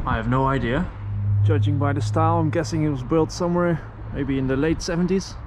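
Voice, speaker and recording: A man's voice: mid-range voice, noisy background. A man narrating a travel vlog in a curious, musing way while exploring a city outdoors. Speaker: travel vlogger.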